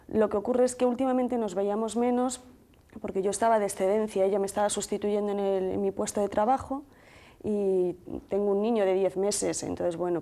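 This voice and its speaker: A woman in her thirties with a Madrid Spanish accent, a TV interview guest calmly recounting events in detail with quoted dialogue. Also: medium pitch, vocal fry. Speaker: guest, sister of the deceased. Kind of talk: emotional first-person account in a TV interview.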